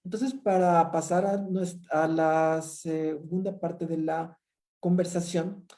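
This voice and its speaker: A woman's voice: fairly low pitch, fairly even intonation, takes it slowly, warm tone. A woman moderating a live online panel, stumbling over some words as she thanks a speaker and moves on.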